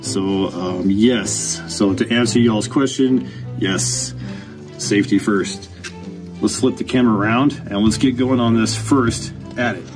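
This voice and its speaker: A man's voice: on the low side, unhurried, over music. A man narrating a casual adventure vlog while hiking and exploring mine tunnels, laid-back and chatty with many fillers. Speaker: vlogger exploring mines.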